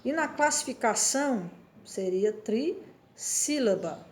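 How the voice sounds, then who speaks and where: Slow, patient Brazilian woman teacher. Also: on the high side, expressive, a little hiss or hum. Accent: Brazilian Portuguese. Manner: patient, repeats "né?" often, spells words out. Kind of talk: slow classroom explanation.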